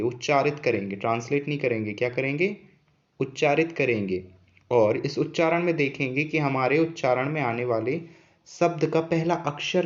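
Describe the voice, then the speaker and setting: A patient man explains grammar to students at a calm, even pace, and he keeps asking questions and answering them himself. His voice sits in the middle range, and the recording sounds a little dull and lo-fi. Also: mid-range voice. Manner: patient, repeats key points as questions. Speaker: teacher. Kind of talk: explaining an English grammar lesson.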